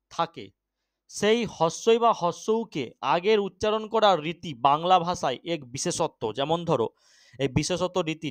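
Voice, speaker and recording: A young man teaching an exam-prep grammar lesson, often checking that students follow and urging them to answer quickly. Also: a little high, no room sound. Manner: keeps checking understanding, urges quick answers.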